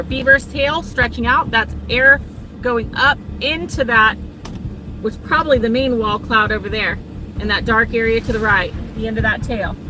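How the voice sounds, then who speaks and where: A woman's voice: a little high, rough recording. A woman giving live storm-chase commentary from inside a car, thinking aloud and repeating words for emphasis. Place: inside a moving or parked car.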